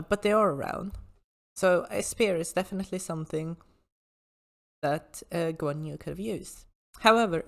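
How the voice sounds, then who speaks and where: A woman hosting an informal explanatory history talk, with hesitant asides as she explains. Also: on the low side.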